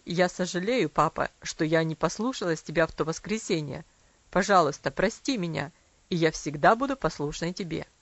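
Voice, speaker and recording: A woman reading an audiobook, voicing a stern, strict middle-aged father in a lowered, insistent voice. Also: dry recording. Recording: dry, slightly dull recording.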